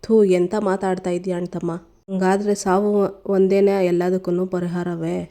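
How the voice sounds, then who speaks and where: A woman's voice: lowish voice, level tone, normal speed, dark tone, close to an everyday voice. A woman voicing a man's friend who scolds and consoles him. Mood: chiding.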